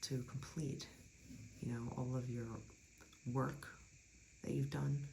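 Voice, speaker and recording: A tarot reader talking through a card spread in a chatty, reassuring way, often dropping into soft near-whispers. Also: mid-range voice, little pitch movement, slow, gravelly, a little hiss or hum, rough recording. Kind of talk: casual tarot reading.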